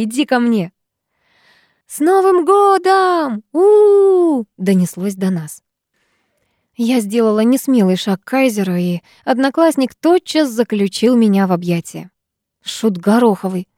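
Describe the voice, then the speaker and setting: Woman reading a first-person story, mellow warm tone, dry close sound, expressive. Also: medium pitch, dry recording. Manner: lively, expressive reading with sharp dialogue. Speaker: audiobook narrator. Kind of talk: first-person audiobook narration.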